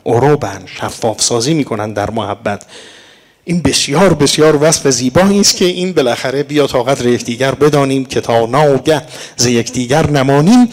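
A man preaching a sermon in a teaching manner, speaking to his listeners as dear friends and reciting verse along the way. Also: medium pitch. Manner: explanatory, addresses listeners as dear ones, recites verse and Arabic.

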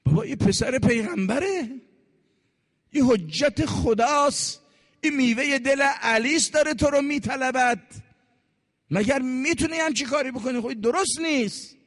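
A man's voice: very high-pitched, fairly bright tone, pitched above the performer's own voice. A man preaching as he voices a wife earnestly urging her husband, in a reproachful, pleading tone. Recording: long reverb in a large hall.

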